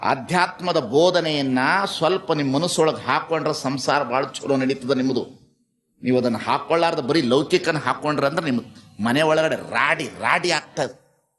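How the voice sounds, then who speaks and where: A man giving a sermon as a spiritual teacher, dramatic and repetitive, swinging between soft and loud. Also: mid-range voice, moderate pace.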